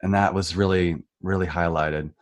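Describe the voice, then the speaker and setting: A man hosting a casual interview, introducing the next topic in a relaxed way. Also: sits low, normal speed. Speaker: interview host.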